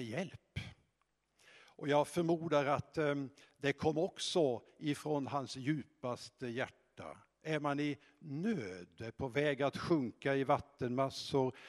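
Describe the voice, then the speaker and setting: A man delivering a reflective sermon, speaking slowly and pausing often. His voice sits at an ordinary pitch for a man. A long reverb trails behind each phrase, as in a church. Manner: slow, reflective, with many pauses and hesitations. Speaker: preacher.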